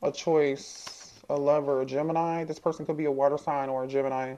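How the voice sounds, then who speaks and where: A woman's voice: low-pitched, flat delivery, a little fast, mellow, a little hiss or hum. A woman doing a casual tarot reading for viewers, thinking aloud, asking the cards questions and repeating herself as she goes. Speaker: tarot reader.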